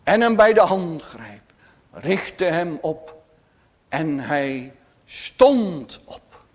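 A man's voice: fairly high pitch, big pitch swings, extremely slow, in a large hall. A man preaching a sermon to his congregation, solemn, with dramatic rises and falls. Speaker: pastor.

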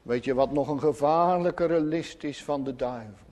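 A man's voice: a little high, moderate pace, a little mellow. A man preaching a fervent, emphatic sermon in church. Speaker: pastor. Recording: long church reverb.

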